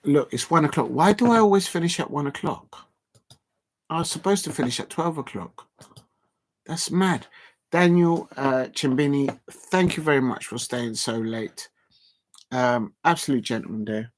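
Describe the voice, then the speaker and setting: At home late at night with a TV going, a football watch-along streamer wraps up his casual live stream. His voice sits a little high and moves at a moderate pace as he rambles, leans heavily on fillers, and reads out shout-outs from chat.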